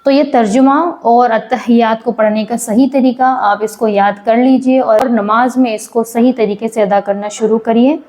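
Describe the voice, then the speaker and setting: A woman with a slightly high voice teaches a prayer line by line. She stretches each recited phrase out slowly and carefully, then switches to brisk, plain explanation. She often poses a question and answers it herself. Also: fairly even intonation, a little mellow. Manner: asks and answers her own questions. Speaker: religious teacher. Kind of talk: recitation lesson with slow drawn-out chanting.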